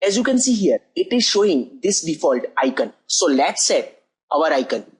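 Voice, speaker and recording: Coding tutor walking thru a screen recording step by step, husky voice, mid pitch. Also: sing-song, normal speed, poor audio. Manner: methodical, repeats "as you can see over here".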